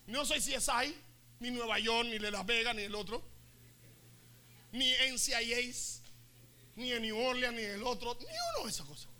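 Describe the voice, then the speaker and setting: A male pastor, preaching an animated, comic sermon and calling on the congregation to respond. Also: very high-pitched, moderate pace, pauses often. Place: church service.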